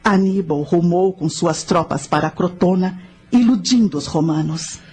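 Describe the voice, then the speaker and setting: In a scripted radio drama, an actress with a low, darkish, breathy voice narrates as a knowing spirit guide. She recounts ancient history and teaches in a measured, solemn manner.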